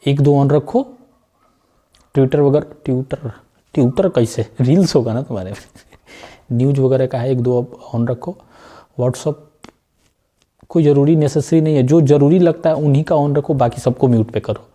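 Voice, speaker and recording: A man's voice: mid-range voice, a little slow, long pauses, dark tone. Chatty man teaching math. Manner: keeps asking if students understand, jokey asides. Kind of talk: chatty classroom lesson with side talks.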